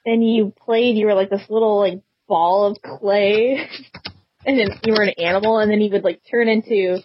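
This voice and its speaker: A woman from the Detroit area chatting casually as a guest, animated and often laughing. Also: medium pitch, moderate pace, dull audio. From Detroit area, United States. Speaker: podcast guest. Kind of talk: casual chat.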